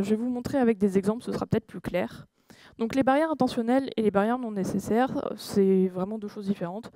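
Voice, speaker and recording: A woman's voice: on the high side, warm tone, no room sound. A woman giving a talk at a conference, hesitant, with many fillers and self-corrections, checking in with her audience. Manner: engages the audience with questions. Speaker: conference speaker. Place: conference room.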